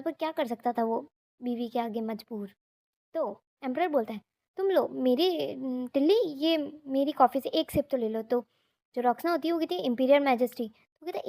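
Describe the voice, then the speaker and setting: High-voiced woman retelling a manga. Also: mellow, no echo, studio quality. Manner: chatty, mixes English words, briefly voices the characters' lines. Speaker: manga story narrator. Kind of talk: casual retelling of a manga story.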